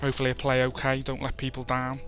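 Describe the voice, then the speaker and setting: A fast-talking Scouser from Liverpool gives chatty, self-mocking let's-play commentary over a football video game. His mid-range voice is monotone and a bit bright, backed by soft music.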